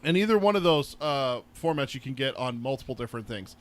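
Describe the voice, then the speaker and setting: A man's voice: medium pitch, animated, fast talker. A man co-hosting a podcast, speaking in a casual, informal, teasing way. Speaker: podcast co-host.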